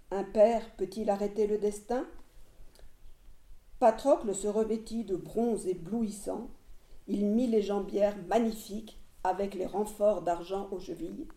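A woman's voice: mid-range voice, warm tone. A woman giving a reflective literary reading of a first-person tale. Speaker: reader. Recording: roomy echo.

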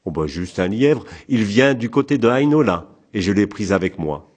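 A man's voice: on the low side, expressive, moderate pace, darkish tone. A man reading the part of a polite, weary male traveller, in a mild, easygoing, hesitant way.

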